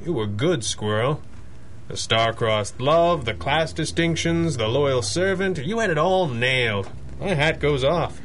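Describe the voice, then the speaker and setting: Over background noise, an actor plays an authoritative male masked detective from a thirties radio serial. He speaks in a measured, formal way, as a cerebral hero used to command. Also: fairly high pitch, lively intonation, a bit bright. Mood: calm, reflective. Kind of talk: 1930s radio adventure acting.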